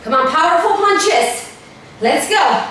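A woman's voice: very high-pitched, lively intonation, slow pace, background noise. A woman fitness instructor coaching a workout with short encouraging cues, out of breath as she exercises along. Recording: roomy, from far off.

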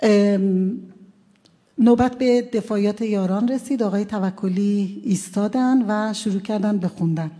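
A woman's voice: medium pitch, dark tone. A woman from Iran, a defense lawyer, recounting courtroom events at a press conference in a conversational way, with frequent hesitant fillers.

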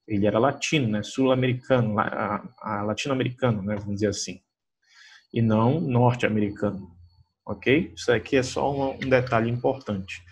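A Brazilian man gives a recorded English lesson to a school class. His voice is a little husky and sits at an ordinary pitch. He talks in a loose, chatty way and drops to a slow, careful pace to read English examples. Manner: chatty, many fillers like "né" and "tá"; slows right down to read English example sentences. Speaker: English teacher.

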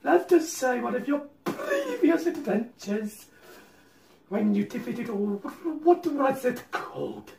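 Performer playing a theatrical villain showman, gloating, slow, wild swoops, roomy distant mic. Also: mid-range voice, sing-song, gravelly, noisy background, full character voice. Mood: scheming. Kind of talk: fan audio drama acting.

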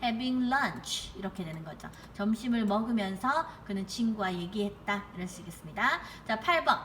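A young woman teaching an English grammar lesson online, asking her students questions and reading the example sentences slowly. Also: mid-range voice, expressive, fairly bright tone, a little hiss or hum. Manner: coaxing, asks students rhetorical questions. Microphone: computer mic while writing with a mouse.

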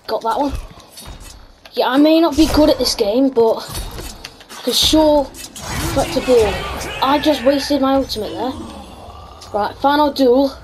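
High-pitched female gamer commentating. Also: unhurried, pauses often. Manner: chatty, reacts aloud to the game. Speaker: gaming video host. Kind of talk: casual gameplay commentary. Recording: music behind the voice. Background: background music.

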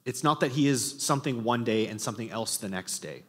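A man's voice: medium pitch, fairly quick. A man teaching a classroom literature lesson, reading passages aloud and posing questions to the class, with frequent ums, in a classroom with a long reverb.

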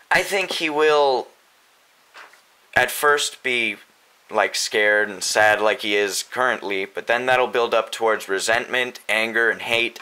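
A man's voice: fairly low pitch, bright, forceful tone, poor audio. A young man casually answering viewer questions as host of a fan video, chatty and unscripted, with many fillers and restarts.

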